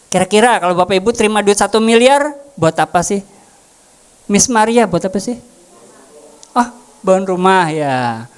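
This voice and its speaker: A woman preaching a casual sermon, joking and asking the congregation questions. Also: on the high side. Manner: jokey, asks the congregation questions.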